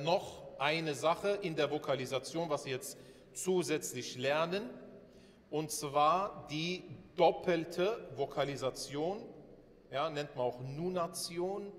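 A man's voice: on the high side, long reverb tail. A man teaching a class, patiently asking questions and repeating points. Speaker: Arabic alphabet teacher. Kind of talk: classroom lesson with questions to students.

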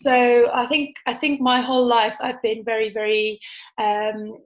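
Even-toned South African woman. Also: on the high side, a little slow, rough recording. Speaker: guest, performance coach. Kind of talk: podcast interview.

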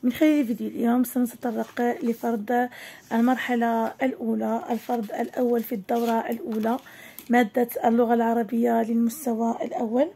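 A woman teaching a primary school Arabic lesson, stretching words slowly syllable by syllable for young pupils. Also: a little high, little pitch movement, mellow, slightly rough. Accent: Moroccan Arabic.

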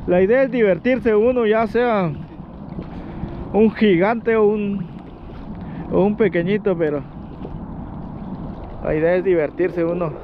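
A man's voice: high-pitched, takes it slowly, long pauses, phone-quality sound. A middle-aged man from Guatemala chatting casually about his fishing on a windy lakefront pier, recorded on a body camera. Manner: relaxed, chatty, laughs easily. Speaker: angler vlogger. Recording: outdoor wind and water noise.

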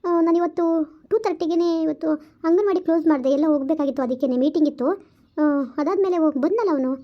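Brief: woman voicing matter-of-fact village teacher, fast-talking, reassuring manner. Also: extremely high pitch. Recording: dull lo-fi sound.

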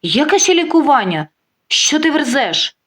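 A woman's voice: sits high, big pitch swings, normal speed, fairly bright tone, voice pushed up. A woman voicing a blustering, cornered husband. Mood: indignant. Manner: blustering, then flustered and pleading. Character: self-assured middle-aged man leaving his wife.

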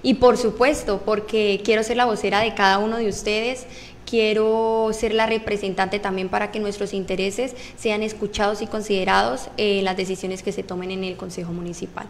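A woman's voice: mid-range voice, level tone, moderate pace, slight background noise. A woman, answering interview questions in an earnest, formal, prepared way at a studio desk mic. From Colombia. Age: 20s. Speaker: council candidate. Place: small radio studio.

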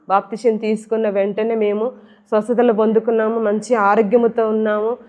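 A woman's voice: medium pitch, dark tone. A woman giving an earnest personal religious testimony and repeating her phrases as she tells it. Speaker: church member giving testimony. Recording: tinny phone-like sound.

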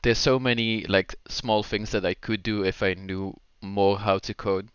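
A man's voice: lowish voice, level tone, measured pace, clean tone, dry recording, highs cut off. A young man co-hosting a podcast in casual chat, talking freely with lots of "like" fillers and easy laughs. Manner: chatty, laughs easily, frequent "like" fillers. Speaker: podcast co-host, game developer.

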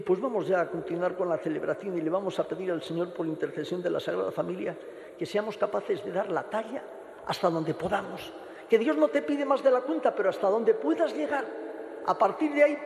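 A man's voice: high voice, brisk, gravelly. A man, the priest at Mass, preaching and praying in an earnest pastoral manner, with a cathedral echo around his voice. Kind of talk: homily and liturgical prayers. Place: large church. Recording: echoey church with long reverb.

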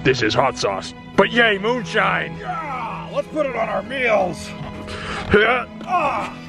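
Excitable young man, hammy and gravelly. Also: sits high, slow pace, over music. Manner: excitable, hammy pirate play-acting, shouts. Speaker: vlogger. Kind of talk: playful casual vlog banter. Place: outdoors on a lake and shore.

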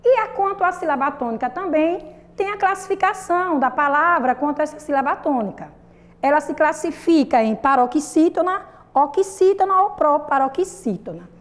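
Woman, Brazilian Portuguese accent, primary school teacher, high voice, patient, quizzing the class. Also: animated. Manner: patient, repeats and asks the class questions, drawn-out sung syllables. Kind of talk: recorded classroom lesson for children.

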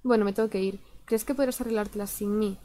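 A woman's voice: mid-range voice, steady tone, fast talker, dark tone, a little hiss or hum, lightly acted. A woman reading out the lines of a cocky young male hacker friend in a plain, teasing voice. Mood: matter-of-fact.

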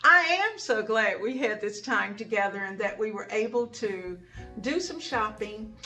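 A woman's voice: mid-range voice, unhurried, sharp tone, faint music behind. An older woman hosting a home kitchen vlog, chatting casually with homespun advice and thankful asides, recorded at home. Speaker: cooking channel host. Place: home kitchen and dining room, indoors.

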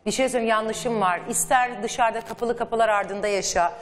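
A woman's voice: on the high side, fairly even intonation, normal speed. A woman hosting a daytime talk show, pressing her guests with direct, probing questions. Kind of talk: confrontational studio talk show.

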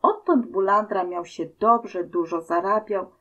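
Slow expressive woman storyteller. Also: mid-range voice, dull audio. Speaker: narrator. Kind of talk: storybook reading.

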